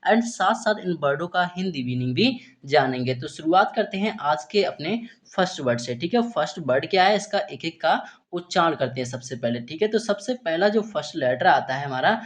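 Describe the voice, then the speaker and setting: A man teaching English reading in Hindi, explaining letter sounds slowly and patiently, often asking himself questions and answering them. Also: fairly high pitch, expressive. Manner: repeats "theek hai" and asks himself questions; slow, patient, step-by-step explaining. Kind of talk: Hindi-language phonics lesson.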